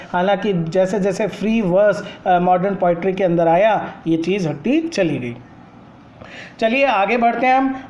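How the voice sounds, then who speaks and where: A man's voice: high voice, a little mellow. A man teaching a literature lesson, explaining poetic devices step by step and switching often between Hindi and English. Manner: explanatory, addresses listeners as friends; mixes Hindi with English, many fillers. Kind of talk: lecture on poetry.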